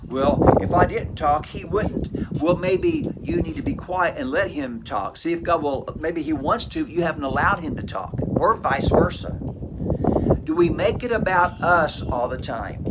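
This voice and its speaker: A man's voice: a little high, expressive, moderate pace, heavy background noise. Earnest man giving a devotional talk. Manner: earnest, plainspoken, tells personal stories. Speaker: host of a short homeschool devotional segment.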